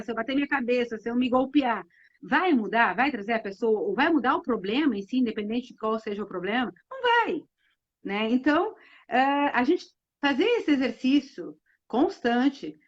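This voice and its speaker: A woman's voice: on the high side, animated, moderate pace. A woman co-hosting a live religious talk, speaking reflectively with many fillers and restarts. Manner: reflective, many fillers and restarts, retells hadith with acted quotes. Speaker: co-host of Islamic live talk. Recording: muffled live-stream audio.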